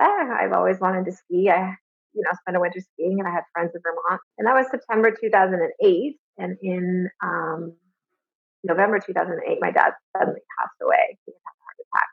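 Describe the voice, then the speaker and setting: A woman's voice: medium pitch, breathy edge. Woman on a tinny phone line. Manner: candid and reflective, with frequent fillers. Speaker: interview guest. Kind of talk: casual personal storytelling.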